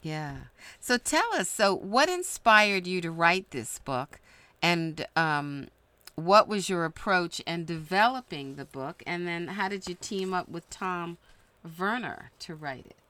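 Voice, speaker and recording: A woman's voice: fairly low pitch, animated, takes it slowly, bright, forceful tone, no room sound. A woman hosting an interview, reacting and asking questions in several parts. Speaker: interview host.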